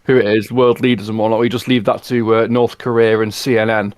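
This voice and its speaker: A man from England co-hosting a film podcast, explaining things in a measured, restarting way. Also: lowish voice, little pitch movement, darkish tone, clean tone, dry recording, clean studio sound. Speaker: podcast co-host. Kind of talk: casual chat.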